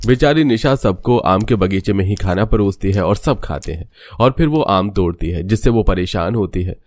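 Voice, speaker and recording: A man narrating a cartoon story in a steady, scripted storytelling voice. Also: fairly low pitch, normal speed, no room sound.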